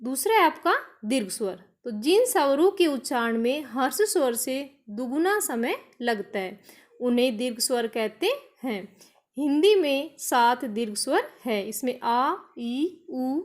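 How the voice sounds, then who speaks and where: Female teacher, recorded lesson; high-pitched, unhurried, repeats each point. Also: animated. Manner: slow, explaining step by step and repeating each definition; asks a question, then answers it herself. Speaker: school teacher.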